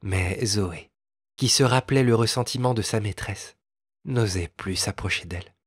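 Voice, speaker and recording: A man narrating a classic fairy tale as an audiobook, with a measured, expressive reading. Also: on the low side, husky, no room sound, clean studio sound. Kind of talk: storybook narration.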